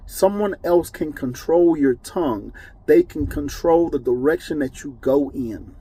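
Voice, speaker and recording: A man's voice: on the high side, a little slow, warm tone, breathy edge, rough recording. A man giving an informal Bible teaching, conversational and emphatic, often checking in with "okay?". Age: adult with children. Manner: emphatic, moralizing. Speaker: preacher.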